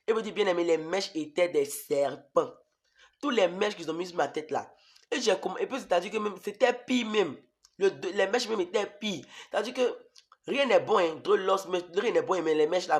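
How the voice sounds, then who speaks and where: A man preaching an emotional testimony sermon, repeating phrases emphatically and addressing his listeners as beloved. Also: sits high.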